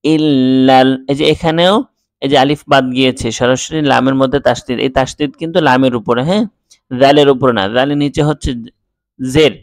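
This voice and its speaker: A man of middle pitch teaches Quran reading at an unhurried pace, drawing out each syllable. His voice is smooth and resonant, recorded close and dry in a quiet room. Between spelled syllables he explains the rules in faster, plain talk. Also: steady tone, no room sound. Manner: spells letters and vowel marks slowly, then explains quickly. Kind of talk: slow syllable-by-syllable recitation lesson.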